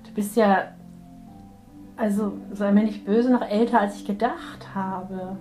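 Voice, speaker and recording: A woman working as a spiritual medium, gently guiding a healing session and speaking softly to a soul. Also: mid-range voice, steady tone, measured pace, soft background music, rough recording. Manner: soft, soothing, gently addressing a soul.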